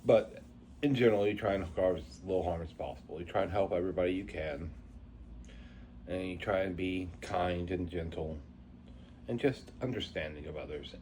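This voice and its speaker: Low-voiced middle-aged man with slurred, toothless speech. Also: a little mellow, slight background noise. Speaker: vlogger introducing a channel. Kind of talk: unscripted reflective talk to viewers.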